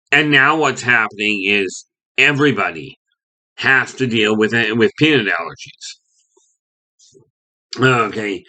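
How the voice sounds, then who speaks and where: Bright-voiced man from Canada, rambling. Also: mid-range voice, poor audio. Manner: rambling with frequent restarts and "okay". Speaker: video host. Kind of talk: opinion monologue.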